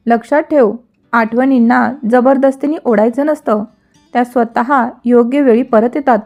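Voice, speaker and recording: A woman reading a calm, wise doctor. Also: on the high side, soft background music, close to an everyday voice. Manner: soothing, measured.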